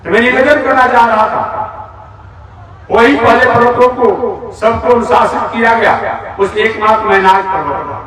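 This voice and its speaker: A man giving a devotional sermon to a large outdoor gathering, slowly chanting Sanskrit verses and then explaining them. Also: extremely high pitch, fairly bright tone, a little hiss or hum. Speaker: religious preacher. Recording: echoey public-address sound from far off.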